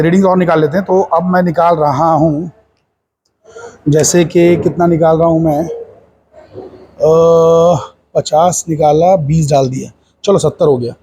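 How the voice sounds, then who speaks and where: In a warm voice on the high side with a breathy edge, a man with an Indian accent leads a physics lab, mixing Hindi and English. It's a hands-on demonstration where he goes step by step and repeatedly makes sure his class is keeping up.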